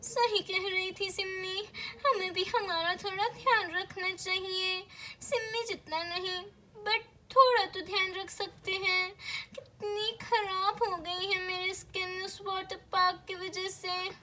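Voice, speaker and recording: A woman's voice: extremely high pitch, fairly even intonation, slow, bright, forceful tone, a little hiss or hum, pitched above the performer's own voice, exaggerated voice. A woman voicing a dramatic young mother who frets and whines, close to tears, in a doll-play story. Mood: worried whiny. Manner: worried, whining, near tears.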